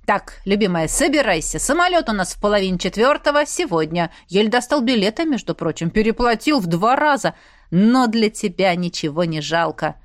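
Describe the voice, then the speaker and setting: A woman voicing a clingy, showy young man, the heroine's ex-boyfriend, who calls out loudly and drags his words. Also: mid-range voice, big pitch swings, no echo, studio quality, close to an everyday voice. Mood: smug. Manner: loud, drawn-out calling.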